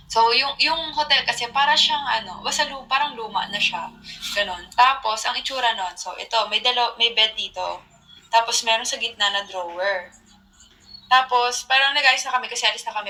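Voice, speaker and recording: Bright-voiced young woman telling a story. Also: fairly high pitch, rough recording. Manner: chatty, laughing often, addressing viewers. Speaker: livestream host. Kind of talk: casual livestream storytelling.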